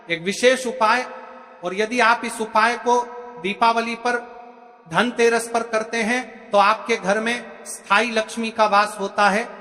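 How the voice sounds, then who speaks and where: High bright-voiced male preacher, reverberant. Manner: instructive, addresses listeners as devotees; repeats a checking "okay". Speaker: religious preacher. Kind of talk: devotional instruction.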